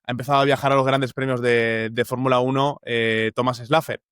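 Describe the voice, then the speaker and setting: A man's voice: medium pitch, little pitch movement, fairly quick, a bit bright, clean tone, no echo. Young uruguayan-born guy, spanish accent, lots of ehs, dry close mic. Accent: Spanish, Valencia area. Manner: thoughtful, many fillers and restarts. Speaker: journalist guest. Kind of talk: casual interview conversation.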